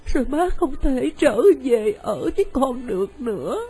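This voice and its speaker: An actress in a radio drama playing a young mother full of shame who abandoned her child, speaking in halting, breathy phrases. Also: medium pitch, animated, mellow, faint music behind, lightly acted, poor audio. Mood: tearful pleading.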